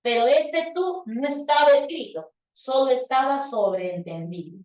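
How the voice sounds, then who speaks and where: A woman's voice: high voice, measured pace, a little mellow. A woman teacher patiently explaining grammar to her students, talking to them directly and voicing their questions. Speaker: language teacher. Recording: roomy sound from a distant mic.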